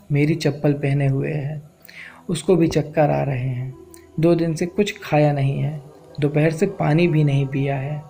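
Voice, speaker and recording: A man's voice: a little high, creaky, warm tone, husky, exaggerated voice. A man voicing an exhausted barefoot male migrant worker who speaks in a weary, pleading way in a spoken-word story.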